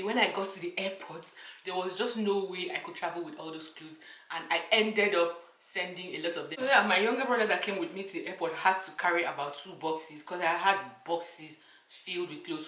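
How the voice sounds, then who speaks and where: Casting: young Nigerian-accented woman, bright forceful voice, casual Q&A vlog chat, roomy echo. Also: on the low side, recorded from a distance. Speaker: vlogger. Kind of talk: casual chat to camera, answering questions.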